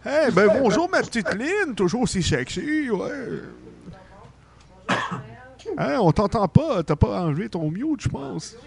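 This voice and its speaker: A man's voice: sits high, very animated, unhurried, vocal fry, voice pushed up, heavily acted. A man with a Québécois accent playing a jolly old Santa Claus who teases and laughs heartily. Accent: Québécois French. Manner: hearty ho-ho laughs, playful teasing.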